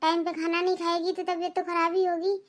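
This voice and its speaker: A gentle elder daughter-in-law in a cartoon family speaks in a very high, soft voice, as a woman plays her. She sounds sympathetic and caring. Her words come with quiet concern. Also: level tone, fairly quick. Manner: sighing, sympathetic, soft-spoken. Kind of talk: Hindi cartoon voice acting.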